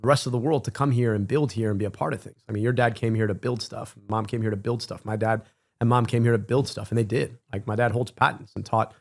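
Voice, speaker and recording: A man in his thirties from Michigan, giving animated casual commentary on a clip and repeating words as he gets going. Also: on the low side, quick pace, creaky. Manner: animated, emphatic, repeats words when excited. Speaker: stream co-host reacting to clips.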